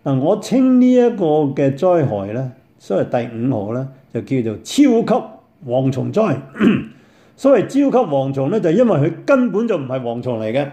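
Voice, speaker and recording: An older man preaching a sermon on scripture, animated and exclamatory, repeating phrases for emphasis. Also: medium pitch, normal speed.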